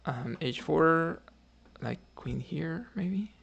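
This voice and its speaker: A man from Cuba streams chess, talking through his moves aloud, often saying "right?" and chatting with viewers between moves. He draws out his words in an animated, gravelly voice on the high side, a bit bright and slightly rough.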